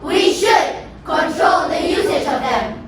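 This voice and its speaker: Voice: sits high, lively intonation, slow pace. A group of young voices reciting a scripted choral speaking performance together in unison. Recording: echoey hall, far mic, loud noise, audience.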